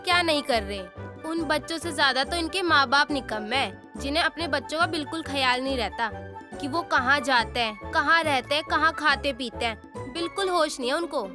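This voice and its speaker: A woman's voice: high voice, lightly acted. A woman playing a nagging nosy auntie. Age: middle-aged. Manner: scolding, gossipy, nagging. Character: nosy middle-aged gossiping auntie.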